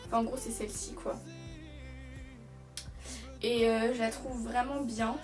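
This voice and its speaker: Sitting far from the mic with music in the background, a young woman talks casually through a haul video. Her voice is on the high side, steady in tone and measured in pace, and as a beauty vlogger she rambles, full of fillers and restarts.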